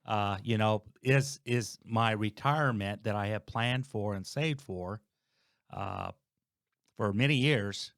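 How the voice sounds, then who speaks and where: Rambling man pushing sixty, low voice. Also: dry recording, studio quality. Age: 50s. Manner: rambling, restarts, thinking aloud. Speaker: guest, host's father. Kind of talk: casual podcast chat.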